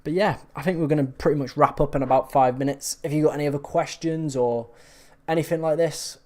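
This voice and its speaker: Fairly quick and dark-toned, this man's slightly high voice carries a mild hoarseness from hours of streaming. He chats casually and reacts to his viewers' comments.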